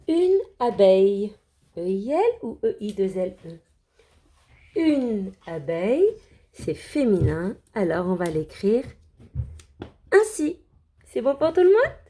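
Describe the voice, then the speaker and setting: Slow, sing-song woman teaching children. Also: medium pitch, warm tone. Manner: cheerful, encouraging. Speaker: primary school teacher. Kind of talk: reading lesson for young children.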